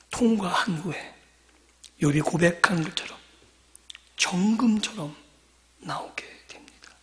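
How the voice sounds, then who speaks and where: A man's voice: very high voice, in a large hall. A male pastor preaching a sermon, asking the congregation questions and dropping from emphatic lines to near-whispers. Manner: asks the congregation rhetorical questions.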